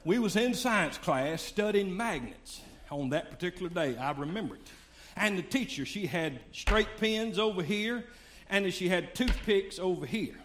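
A man's voice: sits high, lively intonation, moderate pace, a bit bright, slight background noise. An older man preaching a sermon in a fervent, folksy way.

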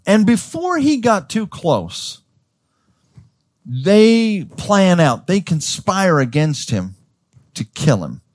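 A man's voice: high voice, very animated, slow, dry recording, clean studio sound. A man preaching a sermon as pastor. He tells the story in a conversational way, with stammers and restarts, and acts out the characters' voices.

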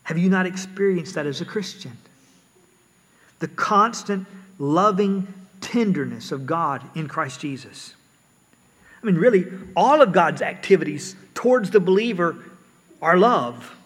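Male preacher, high pitch, earnest sermon delivery, echoing hall. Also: animated, measured pace, fairly bright tone, breathy edge. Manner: earnest, repeats words while explaining.

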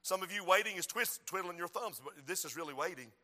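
A man preaching a sermon with rhythmic repetition, moving from quiet talk to shouting. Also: high-pitched, expressive, fast talker, big-room sound. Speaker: preacher and school principal.

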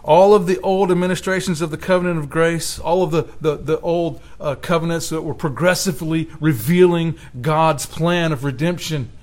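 A pastor delivers a sermon in a fairly high male voice. He speaks earnestly and climbs with emphasis whenever he reads from scripture. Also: fairly even intonation, normal speed, few pauses, darkish tone. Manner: earnest preaching, rising emphatically on scripture quotes.

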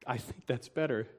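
A young man preaching a sermon, earnest and emotional, with halting restarts and soft laughs. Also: mid-range voice.

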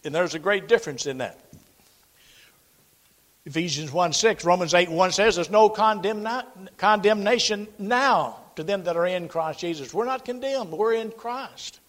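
A man's voice: high-pitched, moderate pace, a bit bright. A man in his forties preaching an earnest, folksy sermon, quoting scripture and telling plain stories. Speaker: pastor.

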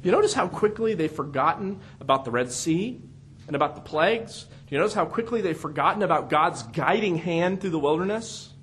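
A man preaching an expository sermon as pastor, emphatic and animated, lifting his voice on key words. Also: a little high, fairly quick, slight background noise.

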